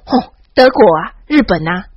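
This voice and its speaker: A woman with a Taiwanese Mandarin accent giving a mock-boastful satirical monologue, dropping a breathy "ha" into nearly every phrase. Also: on the high side, lively intonation, a little fast, no room sound, dull audio. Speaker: satirical commentator. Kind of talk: sarcastic comic monologue.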